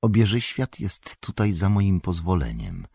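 Man voicing a weary hobbit, audiobook, husky low voice, dry close sound. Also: wildly swooping pitch, measured pace, warm tone, no echo, full character voice. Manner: earnest, tired, polite. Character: weary, troubled young male hobbit traveller. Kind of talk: audiobook character voice.

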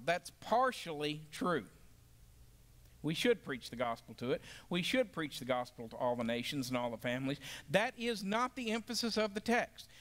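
A man's voice: on the high side, a bit bright. A man teaching a Bible lesson to a class, emphatic and asking the group questions.

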